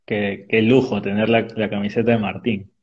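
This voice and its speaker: A male interviewer with a lowish voice and flat delivery asks quick, direct questions in a rapid round over a video call, pausing with fillers. The remote audio sounds dull and choppy because the online connection is weak.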